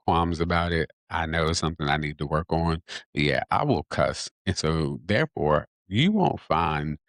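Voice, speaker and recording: A man's voice: rumbling low, a bit bright, dry recording. A man hosting a solo podcast, talking casually with wry asides and lots of ums. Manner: casual, conversational, with many fillers and wry asides. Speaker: podcast host.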